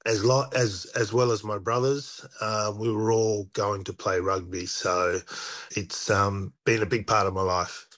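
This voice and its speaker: A man, a former rugby player talking as an interview guest in relaxed, reflective stories full of restarts. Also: fairly low pitch, a little slow. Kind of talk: casual interview chat.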